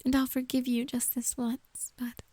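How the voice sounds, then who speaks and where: A woman playing a possessive, manipulative girlfriend in an ASMR role-play, soft and breathy, with a creepy, coaxing, controlling manner. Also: high-pitched, completely flat delivery, moderate pace, dry recording. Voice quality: soft, breathy, often soft-spoken. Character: possessive, manipulative yandere girlfriend, sweetly menacing.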